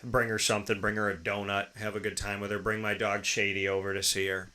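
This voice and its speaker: In a fairly low, bright, forceful voice that barely shifts in pitch, an American host in his thirties moves briskly through a motivational personal monologue. He is emphatic, repeats phrases and asks rhetorical questions.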